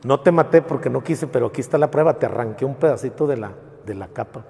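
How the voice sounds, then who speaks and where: A man's voice: medium pitch, fast talker, gravelly, dark tone, natural voice. A man voicing a bold young shepherd hero, firm and plain-spoken. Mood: reproachful. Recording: long hall reverb.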